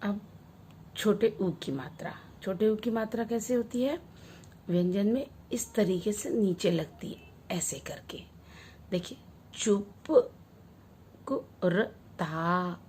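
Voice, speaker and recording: A woman primary school teacher teaching a Hindi vowel-sign lesson, reading words one at a time slowly and carefully for children. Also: medium pitch, warm tone, a little hiss or hum.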